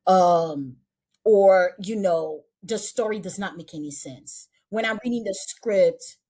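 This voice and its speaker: A woman's voice: mid-range voice, slow pace, warm tone. A woman casting director chatting in an interview, repeating and restarting her phrases as she talks. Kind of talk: casual interview chat.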